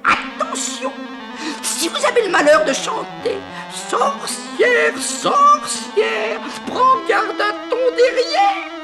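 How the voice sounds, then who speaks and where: A woman's voice: extremely high pitch, sing-song, a little slow, over loud music, full character voice, low-quality recording. A woman voicing a gleeful, teasing house seller who laughs in a 1970s TV cartoon. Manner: laughing, teasing, sing-song.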